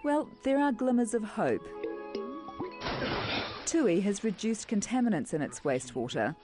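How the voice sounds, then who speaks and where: A woman's voice: medium pitch, very animated, unhurried, music in the background. A woman with a New Zealand accent narrating a scripted television current affairs report.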